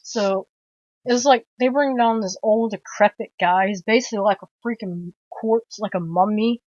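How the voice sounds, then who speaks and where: A woman's voice: mid-range voice, dry recording, highs cut off. A woman casually retelling a horror movie's plot in a rambling way, full of "like", restarts and the odd swear word. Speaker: film reviewer.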